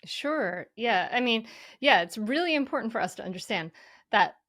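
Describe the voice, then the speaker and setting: Woman, interview guest, earnest, gentle, conversational, dry close sound. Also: on the high side, expressive, moderate pace, dry recording. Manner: earnest, gentle, many fillers like "you know". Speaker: mindfulness author, guest. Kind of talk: conversational explanation.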